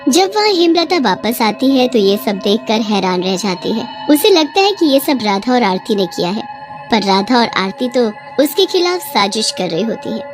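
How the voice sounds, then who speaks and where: A woman narrating a bedtime horror story in a steady, expressive manner. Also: fairly high pitch, normal speed, over music.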